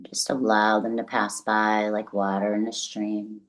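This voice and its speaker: Here a deep-voiced woman with a very low register walks listeners through a meditation. Her pacing is gentle and unhurried, with extended pauses between phrases, and her tone is one of calm, soothing instruction.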